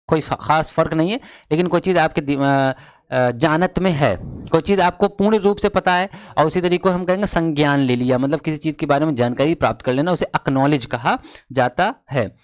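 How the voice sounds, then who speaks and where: A man teaching English vocabulary in Hindi, slowly explaining words and mixing English phrases into his speech. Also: on the high side, no room sound, studio quality. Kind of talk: classroom lesson in Hindi.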